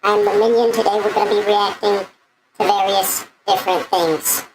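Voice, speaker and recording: A woman's voice: mid-range voice, flat delivery, normal speed, noisy background. Woman streamer on a headset mic. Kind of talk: casual reaction-stream chat.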